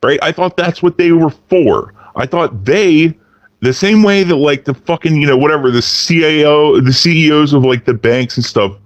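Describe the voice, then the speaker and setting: A man co-hosting a casual political podcast, ranting profanely with big swings in pitch for emphasis. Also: moderate pace, no echo, muffled recording. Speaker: podcast co-host.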